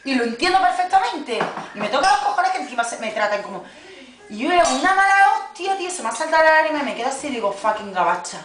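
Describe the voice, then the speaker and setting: A woman's voice: high-pitched, big pitch swings, fast talker, noisy background. Woman, flight attendant, indignant storytelling, distant home video, plates and cutlery clinking. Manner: indignant, swearing, acts out quoted dialogue. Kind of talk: casual chat, telling a story. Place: home, indoors. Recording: echoey room, far from camera, clattering dishes.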